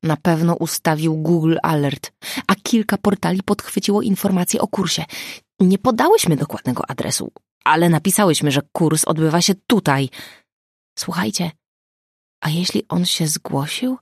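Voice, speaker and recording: A brisk, assertive woman friend who takes charge and lays out plans, voiced by a woman reading an audiobook. The voice sits low with a gravelly creak. The recording is close and dry. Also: animated, no echo. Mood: urgent. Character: sharp, decisive woman friend taking charge.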